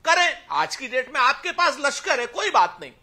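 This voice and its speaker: A man's voice: very high voice, sing-song, normal speed, pushed and bright. A man arguing as a party spokesperson in a televised political debate, rhetorical and emphatic, quoting verses and repeating phrases for effect. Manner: rhetorical, recites couplets, emphatic and insistent.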